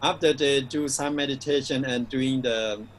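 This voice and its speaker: A male monk explains old customs in a relaxed discussion. His voice sits at a middle pitch. He often pauses on "you know" as he goes along. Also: a little hiss or hum, rough recording. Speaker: Buddhist monk. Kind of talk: casual Dhamma discussion.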